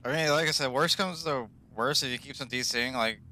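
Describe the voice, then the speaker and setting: A man talks quickly over a headset in squad voice chat, teasing teammates and offering tips. His voice is bright and forceful, with a mid pitch and faint noise behind it. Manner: teasing, reassuring, gives tips. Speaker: squad member in team game. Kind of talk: gaming voice chat.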